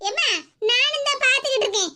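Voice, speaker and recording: A woman's voice: very high voice, fast talker, heavy background noise. A woman voicing a scheming young sister-in-law who tattles and stirs trouble. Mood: taunting. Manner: mocking, tattling.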